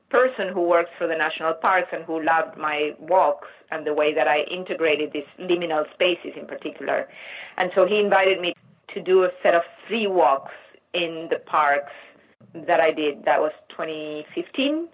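A middle-aged artist from Argentina, giving thoughtful interview answers and searching for words with frequent restarts. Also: female voice, deep voice. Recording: muffled lo-fi line.

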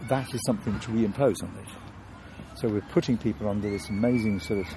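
A man's voice: on the low side, brisk, noisy background. A man from London, a guest in an interview, talking thoughtfully with many restarts and fillers.

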